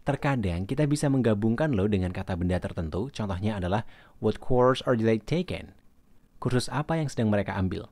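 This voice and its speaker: A man teaching English grammar in a recorded lesson. He reads English example questions slowly and then translates them. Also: lowish voice, expressive, darkish tone, dry recording, studio quality.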